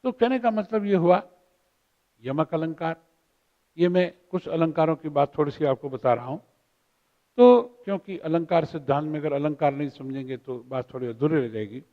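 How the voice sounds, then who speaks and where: A man's voice: a little high, normal speed. A middle-aged man teaching a lecture on Hindi figures of speech, explaining by repeating phrases and reciting verse examples. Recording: dull lo-fi with long hall reverb.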